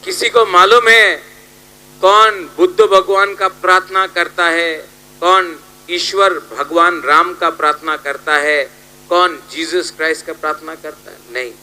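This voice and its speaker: High-voiced rally speaker with mains hum. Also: male voice, fairly even intonation, a little slow, pushed and bright, low-quality recording. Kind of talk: rally speech.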